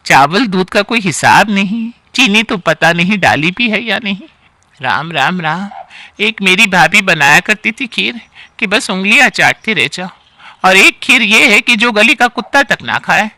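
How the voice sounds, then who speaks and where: A man voicing a sharp-tongued, bossy elderly aunt-in-law in a storybook tale, scolding and sighing complaints. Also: high voice, animated, measured pace, no echo, exaggerated voice. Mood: scornful. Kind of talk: storybook character acting.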